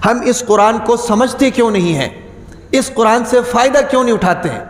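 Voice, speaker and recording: Man preaching a Friday sermon, high voice, rhetorical questions, repeats words for emphasis, echoey hall with long reverb. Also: animated.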